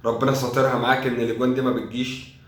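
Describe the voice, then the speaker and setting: A man's voice: medium pitch, flat delivery, very fast, roomy sound. A young man with an Egyptian accent giving a sarcastic, exasperated casual review of a football match, thinking aloud as he goes. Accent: Egyptian Arabic. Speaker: football fan commentator.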